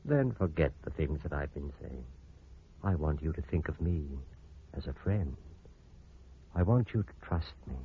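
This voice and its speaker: A man's voice: extremely low pitch, animated, unhurried, pauses often, narrow, tinny audio, slight background noise. An actor playing a cold, scheming male surgeon in a 1940s radio drama, heard over an old AM radio broadcast.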